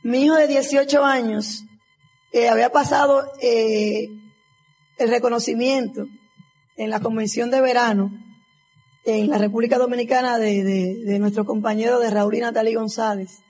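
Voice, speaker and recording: A woman's voice: a little high, steady tone, moderate pace, darkish tone, slightly rough, faint music behind. A woman, giving a motivational testimonial as a convention speaker and acting out the dialogue of her story.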